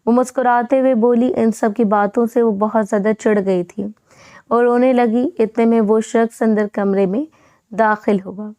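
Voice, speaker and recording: A woman narrating a romance novel aloud in a steady storytelling manner. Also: fairly high pitch, no room sound.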